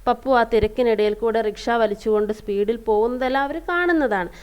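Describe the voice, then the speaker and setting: A woman's voice: fairly high pitch, fairly quick, highs cut off. A woman teacher reading a story aloud and explaining it, asking rhetorical questions and glossing hard words. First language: Malayalam. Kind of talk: reading and explaining a school lesson.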